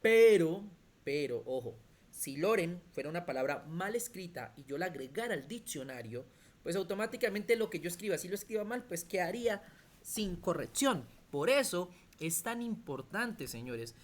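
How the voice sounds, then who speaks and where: A man's voice: high-pitched, lively intonation, normal speed. A man teaching a computer class over a video call, explaining step by step and often checking that students follow. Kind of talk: online class lecture.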